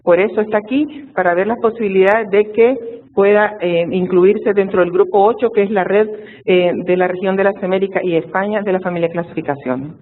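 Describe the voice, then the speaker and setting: A woman speaking at a conference, making a formal, measured appeal. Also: mid-range voice, steady tone. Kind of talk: conference presentation. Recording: tinny, phone-like sound.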